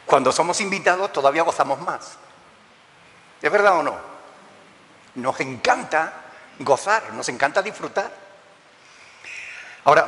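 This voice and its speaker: Bright-voiced pastor preaching with reverb. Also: male voice, high voice, slight background noise. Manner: rhetorical questions, playful jokes to the congregation. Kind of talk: sermon. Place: church hall. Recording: long church reverb.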